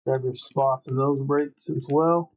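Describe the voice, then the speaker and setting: A man's voice: medium pitch, steady tone, measured pace, low-quality recording. A man hosting a livestreamed trading card break, calling out names matter-of-factly in short clipped phrases.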